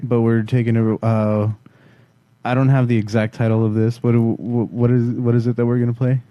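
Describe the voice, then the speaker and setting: A man's voice: medium pitch, flat delivery, brisk, dry recording, lo-fi sound. A man hosting a podcast, easygoing and teasing in casual chat. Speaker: podcast host.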